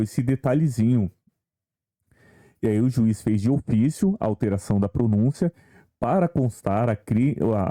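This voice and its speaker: A man with a mellow, mid-range voice teaches an online law lesson for exam prep. He walks viewers through questions and poses rhetorical questions as he goes.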